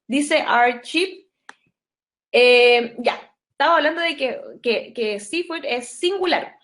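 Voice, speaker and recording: A young woman with a Chilean Spanish accent teaches English grammar in an online class, explaining patiently and checking often that students understand. Her voice is high-pitched.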